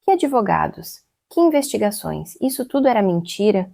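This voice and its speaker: A woman's voice: mid-range voice, big pitch swings, normal speed, vocal fry, dark tone, no room sound. A woman voicing a distraught adopted teenage girl in a storybook reading, speaking in a pleading, broken-up way. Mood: distressed.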